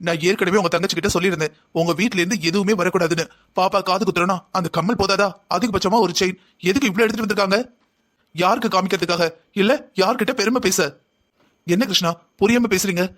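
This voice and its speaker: Playing every member of a cartoon family, this male voice actor argues heatedly with himself in a back-and-forth drama scene. His pitch is high, his delivery fast, his tone fairly bright.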